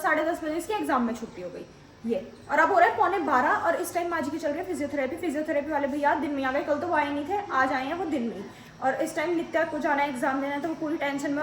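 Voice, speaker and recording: A woman's voice: high-pitched, a bit bright, a little hiss or hum. A woman in her late forties chatting casually through a family home vlog, scolding and teasing a child as she goes. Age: 40s. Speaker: family vlogger.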